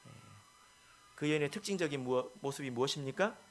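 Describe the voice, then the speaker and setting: A male pastor preaching a sermon, stressing points and asking the congregation questions, with many soft filler words between lines. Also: a little high, fast.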